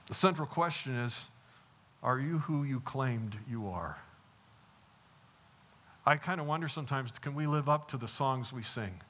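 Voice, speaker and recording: A man's voice: medium pitch, unhurried, long pauses, fairly bright tone. A man preaching a sermon to a congregation, acting out dialogue and dropping to whispers for effect. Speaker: pastor. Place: church sanctuary before a congregation.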